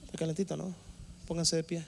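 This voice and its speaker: A male pastor delivers a sermon in a notably high voice. He preaches with animated emphasis and sudden loud outbursts, speaking directly to his congregation at a church service. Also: quick pace, creaky, a little hiss or hum.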